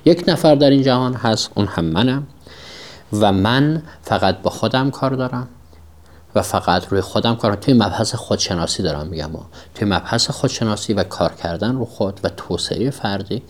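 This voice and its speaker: A man with a somewhat low voice delivers a self-development lesson in a podcast monologue. He speaks emphatically, circles back to the same points again and again, and answers his own rhetorical questions. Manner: repetitive, emphatic, asks himself rhetorical questions.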